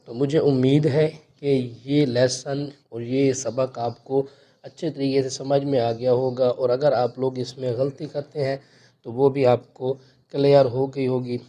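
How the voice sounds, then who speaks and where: A man's voice: medium pitch, little pitch movement, mellow. A man teaching Quran recitation, explaining each letter and rule patiently and checking in with his students. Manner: slow drawn-out chanted recitation of verses.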